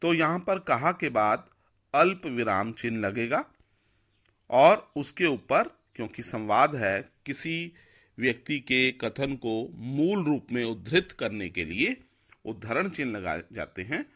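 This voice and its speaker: A man's voice: mid-range voice, very animated, unhurried, a bit bright. A man teaching a school grammar lesson, patiently explaining spellings and punctuation step by step.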